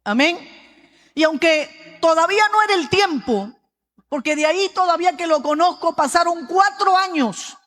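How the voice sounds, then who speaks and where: A woman pastor with a Peruvian accent, giving a sermon with personal testimony in a lively storytelling way and often addressing the congregation as brother. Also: very high voice, normal speed. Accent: Peruvian Spanish. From Peru. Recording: long hall reverb.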